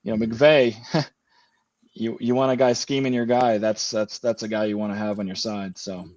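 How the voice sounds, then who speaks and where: A man's voice: lowish voice, level tone, normal speed, a little mellow, no room sound. A man chatting casually as a podcast guest, circling back on his own words with frequent fillers and restarts. His voice comes through dull and lo-fi over a video call. The sound is dry, with no room around it. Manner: rambling with many restarts and fillers. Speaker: guest fantasy football player. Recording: dull lo-fi remote audio.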